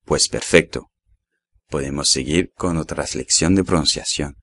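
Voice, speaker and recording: Slow, deep-voiced man teaching pronunciation. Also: a bit bright, dry recording. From France. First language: French. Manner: patient, explains step by step and repeats words slowly. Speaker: French teacher. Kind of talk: language lesson.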